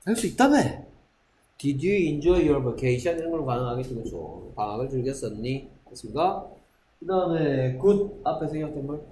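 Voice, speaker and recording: A male English teacher explaining a textbook dialogue, reading each English sentence slowly and clearly and pausing often to check that the class follows. His pitch sits in an ordinary middle range. A faint hiss runs under the recording. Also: sing-song, dark tone. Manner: reads English lines slowly and deliberately, keeps checking in with "그렇죠?".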